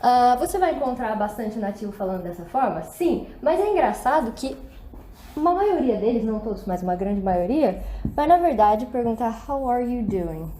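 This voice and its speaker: A Brazilian woman gives a casual English lesson in a chatty, upbeat voice. She keeps asking her viewers rhetorical questions. Her voice sits a little high and sounds mellow, recorded in an echoey room with faint background noise. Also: sing-song, moderate pace. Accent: Brazilian Portuguese. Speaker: English teacher.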